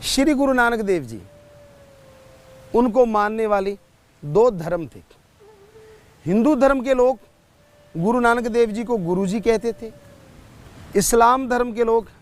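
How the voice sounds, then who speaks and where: A male preacher gives a sermon in an unhurried, measured storytelling manner. His voice is high and he speaks slowly. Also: expressive. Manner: slow, measured, storytelling delivery. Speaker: spiritual preacher.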